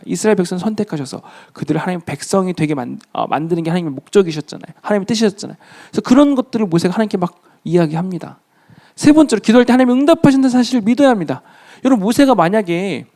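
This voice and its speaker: Fast, high-voiced man preaching to youth. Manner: lively preaching, acting out little dialogues; addresses listeners often. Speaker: youth pastor. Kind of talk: sermon to youth group.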